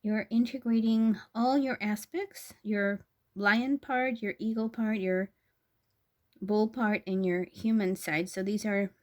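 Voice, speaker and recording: A woman giving an intuitive tarot reading, earnest and effusive, often halting with ums and breaking into laughter. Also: mid-range voice, steady tone, a little mellow. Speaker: tarot reader.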